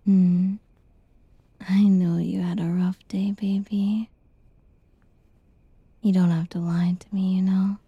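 A woman whispering a tender, reassuring girlfriend roleplay in a soft, soothing ASMR style. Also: mid-range voice, level tone, slow, long pauses, slightly rough, no echo, highs cut off.

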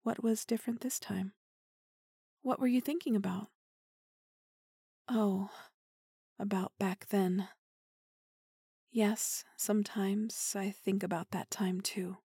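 A woman playing an obsessive, possessive young woman who kidnapped her lover, speaking softly and intimately and often dropping to a whisper. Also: medium pitch, takes it slowly, gravelly, long pauses, breathy edge, no echo, clean studio sound, exaggerated voice. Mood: probing, pleading. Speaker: voice actor in audio roleplay. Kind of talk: intimate listener-roleplay audio drama.

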